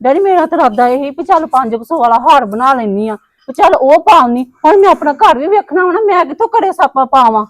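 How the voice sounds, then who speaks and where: A woman's voice: sits high, animated, fast talker, few pauses, dry recording. A woman playing a daughter who pleads and complains to her father in a family vlog drama. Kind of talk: casual Punjabi family vlog acting.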